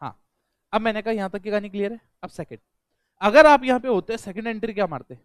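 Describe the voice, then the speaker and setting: A man's voice: high-pitched, fast talker, smooth, no echo, studio quality. A man teaching an accountancy class to students in a classroom. He keeps asking the students questions, repeats them, and drills the answers back, mixing English accounting terms into his speech. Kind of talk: classroom lecture.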